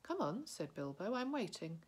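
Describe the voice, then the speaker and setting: A small hobbit puts on a brisk, cheerful boldness over his nerves, his voice lifted and louder, as a woman reads him out. Husky and breathy underneath. A storybook figure in a read-aloud. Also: sits low, animated, full character voice. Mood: bold. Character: small male hobbit, nervous but trying to sound bold.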